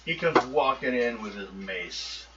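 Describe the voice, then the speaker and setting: Lively game master, distant noisy mic. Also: male voice, medium pitch, unhurried. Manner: lively, loose delivery with frequent ums. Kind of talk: narrating a tabletop game. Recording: muffled, distant mic with steady noise.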